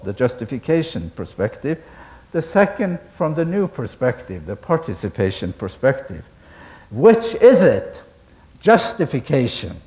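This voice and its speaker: Man giving a deliberate academic lecture. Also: mid-range voice, darkish tone. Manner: deliberate, asks the audience questions, chuckles at own asides.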